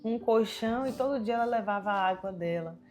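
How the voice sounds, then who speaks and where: A woman's voice: mid-range voice, a little fast, a little mellow, faint music behind. A woman missionary telling her personal testimony in an earnest voice, acting out remembered dialogue. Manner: earnest storytelling.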